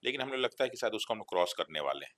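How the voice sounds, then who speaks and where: Brief: emotional male teacher, low voice, quick delivery, fighting back tears. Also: very animated, fairly bright tone. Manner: impassioned, voice rising when moved. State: near tears. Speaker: coaching teacher on protest. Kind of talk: emotional interview answers.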